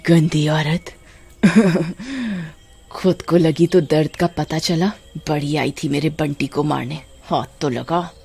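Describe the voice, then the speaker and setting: A woman voicing a vengeful, protective female ghost witch who speaks low and quietly. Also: fairly even intonation, slow, vocal fry, husky, exaggerated voice. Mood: menacing.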